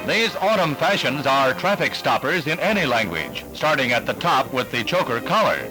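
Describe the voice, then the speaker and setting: On a vintage soundtrack with music behind him, an American man narrates a scripted 1960s newsreel in an emphatic, formal announcer manner. His pitch is medium and his delivery sing-song at a moderate pace. The audio is poor.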